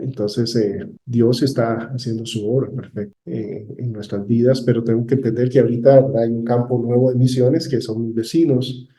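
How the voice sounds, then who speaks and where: Guy teaching a bible class, really dark mellow tone, keeps going "verdad?", echoey room. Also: medium pitch. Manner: storytelling, leans on a constant "¿verdad?".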